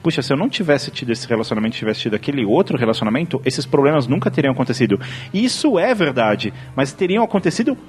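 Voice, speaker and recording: A man's voice: medium pitch, very animated, fast talker. A man with a Brazilian Portuguese accent co-hosting a casual podcast chat over drinks, joking and rambling into mock-philosophical questions. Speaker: podcast co-host.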